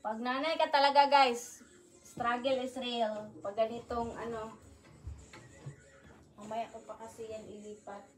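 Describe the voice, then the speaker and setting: A woman's voice: on the high side, fairly even intonation, measured pace, long pauses, slight background noise. A young woman vlogging at home as a mother, chatting casually to her phone camera and cooing baby talk to her infant. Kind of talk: casual vlog chat. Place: home indoors.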